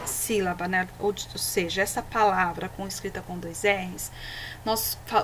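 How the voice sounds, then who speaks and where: A woman's voice: mid-range voice, a little hiss or hum, rough recording. A woman, a teacher giving a recorded slideshow lesson for children, patient and didactic, checking in often with her listeners. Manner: slows down and stresses words when reading examples aloud.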